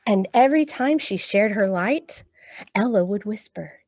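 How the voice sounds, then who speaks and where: In a dry recording, a woman with a medium-pitched, somewhat mellow voice speaks expressively at a measured pace. She's the host of a children's storytime featuring songs and picture books, reading aloud and offering encouragement to the little ones.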